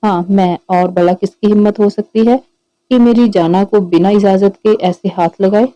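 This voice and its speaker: A man's voice: sits high, steady tone, moderate pace, dark tone, no echo, lo-fi sound, close to an everyday voice. A woman voicing a playful, possessive young man in love who teases his fiancée. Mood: teasing.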